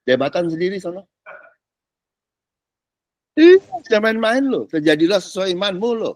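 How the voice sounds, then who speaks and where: A middle-aged male pastor teaching a discipleship class in casual slang, teasing his listeners with rhetorical questions and swinging between loud and soft. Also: high-pitched, very animated, moderate pace, no echo. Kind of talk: animated sermon teaching. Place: church classroom.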